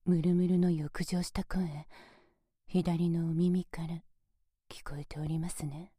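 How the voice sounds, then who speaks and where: A woman voicing a devoted, high-ranking demon butler in a whispered ASMR roleplay, speaking with extremely polite, servile formality into a close binaural mic. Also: takes it slowly, dark tone, no echo. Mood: teasing. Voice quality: breathy whisper. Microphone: close binaural mic, left and right ears.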